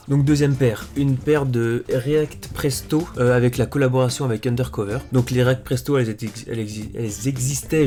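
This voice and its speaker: A man in a laid-back show-and-tell vlog, with a voice of ordinary pitch for a man. He speaks haltingly, padding his sentences with fillers and often correcting himself mid-phrase. Faint music plays quietly behind him. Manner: hesitant, full of fillers and self-corrections. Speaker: sneaker vlogger.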